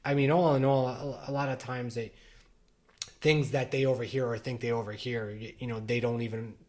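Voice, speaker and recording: A middle-aged man co-hosting a casual podcast chat. He rambles, circles back and restarts his sentences, and his voice sits at an ordinary pitch for a man. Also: level tone, fairly quick. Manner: rambling, many restarts and fillers. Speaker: podcast co-host.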